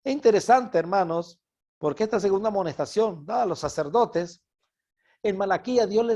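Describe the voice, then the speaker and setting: A Venezuelan man with a Venezuelan Spanish accent preaches a Bible study sermon, animated and repeating words for emphasis. His voice is high and gravelly.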